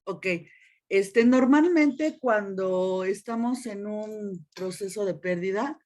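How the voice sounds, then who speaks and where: A woman's voice: mid-range voice, takes it slowly, darkish tone. A woman, interviewing a psychologist, speaking hesitantly with many fillers. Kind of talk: interview questions.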